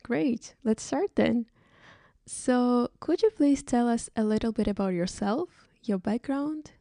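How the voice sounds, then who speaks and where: A woman's voice: fairly high pitch, slow, mellow, no room sound, studio quality. A woman hosting a podcast, politely introducing her guest and asking interview questions. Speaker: podcast host.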